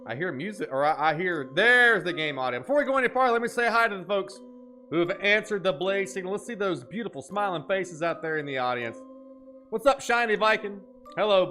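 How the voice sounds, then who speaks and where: A high-pitched man in his thirties hosts a live gaming stream with loud, jokey hype. He greets chat by name and now and then drops into a deep mock-spooky voice. Soft music plays faintly behind him. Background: faint game music.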